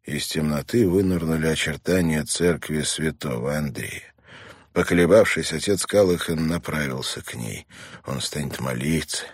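A male audiobook narrator reads in a measured, dramatic way. His voice is very deep and husky, and the recording is dry with no room sound. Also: dry recording. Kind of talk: scripted narration.

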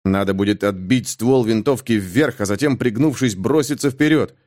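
A man reading a thriller novel aloud as an audiobook narrator, with expressive, dramatic delivery. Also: fairly low pitch, normal speed. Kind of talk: scripted narration.

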